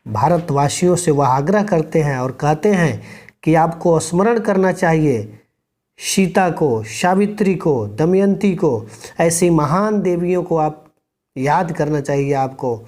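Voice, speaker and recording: A man's voice: a little high, animated, takes it slowly, darkish tone. A man teaching a school Hindi lesson, reading a passage aloud and then explaining it line by line while urging his students on. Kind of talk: classroom lesson explaining a textbook chapter.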